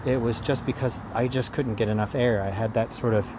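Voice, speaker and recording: Man, casual rambling vlog, reflective, halting phrases, handheld phone, outdoors, light traffic ambience. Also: mid-range voice, steady tone. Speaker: running vlogger. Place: outdoors after a run. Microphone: handheld phone camera at arm's length.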